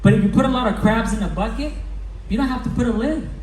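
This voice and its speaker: A man giving a motivational stage talk to a live audience, slangy and energetic, telling stories and quizzing the crowd. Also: very high voice, fast talker. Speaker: business coach speaking at a recruiting meeting. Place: event hall with a live audience. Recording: roomy hall, mic from a distance, faint background noise.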